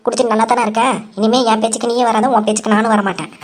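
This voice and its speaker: A woman voicing a quick-tongued, dramatic young daughter-in-law in a cartoon, sassy and defiant. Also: fairly high pitch, little pitch movement, close to an everyday voice. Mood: huffy. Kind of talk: cartoon voice acting.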